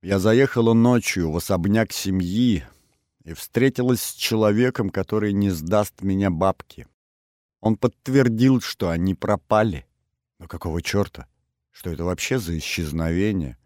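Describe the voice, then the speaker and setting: A man's voice: low voice, moderate pace, darkish tone, dry recording, studio quality, close to an everyday voice. A man voicing a frightened, tearful young noblewoman who speaks pleading and sobbing, in an audiobook. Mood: tearful, upset.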